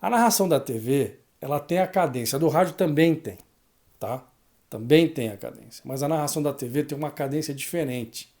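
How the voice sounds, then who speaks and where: A man from Brazil teaching sports narration in a relaxed, conversational lesson. His voice sits a little higher than most men's, and he keeps checking in with his listener through short tag questions. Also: a little fast. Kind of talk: casual spoken lesson to camera.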